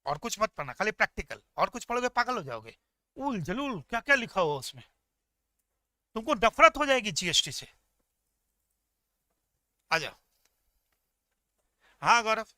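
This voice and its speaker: A male tax teacher giving an energetic, joking classroom lecture, talking straight to his students. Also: sits high, measured pace, long pauses, dry recording.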